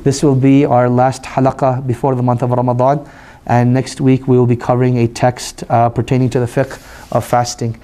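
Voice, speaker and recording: Hoarse male imam, conversational lesson, flat delivery, dark tone. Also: mid-range voice, normal speed. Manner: relaxed, conversational, frequent "you know". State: hoarse, voice recovering. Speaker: imam teaching a study circle. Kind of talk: religious lecture with Q&A.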